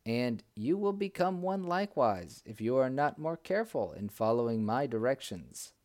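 A man's voice: medium pitch, sing-song, normal speed, a little mellow, lightly acted. A man voicing a wise old male dervish who gives grave warnings.

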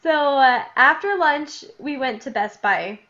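Host: young woman, slightly high voice, giggly diary-reading chat, dull lo-fi sound. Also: measured pace. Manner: giggly, animated, laughs often between readings. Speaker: podcast host. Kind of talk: casual chat reading her childhood diary. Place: lives in New Jersey, grew up in Illinois. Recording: dull lo-fi podcast audio.

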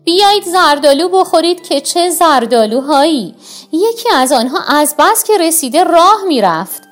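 A woman's voice: sits high, very animated, soft background music, pitched above the performer's own voice. A bossy selfish housewife, as a woman puts her on. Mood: gushing. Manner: bossy, insistent.

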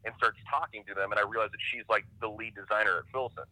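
Fast-talking bright-voiced man. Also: fairly low pitch, no room sound, poor audio. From Ohio, USA. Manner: rapid, animated, heavy use of "like". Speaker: podcast guest, comic creator. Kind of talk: casual interview storytelling.

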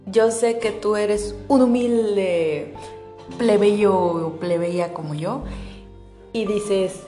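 A woman's voice: mid-range voice, drawn-out words, mellow, soft background music. A young woman with a Mexican accent talking casually and directly to her viewers, full of slang and swearing. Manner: slangy, swears freely, talks straight to the listener. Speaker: vlogger. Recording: roomy echo.

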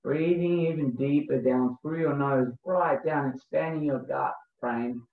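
A man's voice: mid-range voice, creaky. A thin, phone-like recording with a roomy echo carries a man's mid-range voice. He guides a breathing meditation as a coach would, giving short, spaced instructions one step at a time. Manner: slow, spaced instructional phrasing when guiding. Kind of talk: guided breathing meditation, then casual explanation.

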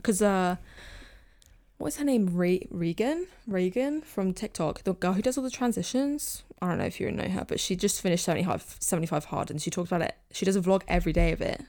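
A young woman, co-hosting a casual podcast chat, telling things in a relaxed, rambling way. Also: on the low side, a little fast. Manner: relaxed storyteller, rambling asides. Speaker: podcast co-host.

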